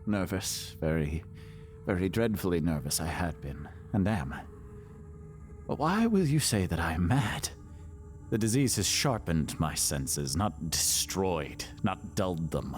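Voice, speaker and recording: A man plays a nervous, boastful madman confessing to murder in a theatrical Gothic horror monologue, swinging melodramatically between hushed and shrill. His intonation is lively and his pace measured, agitated and insistent, with faint music behind.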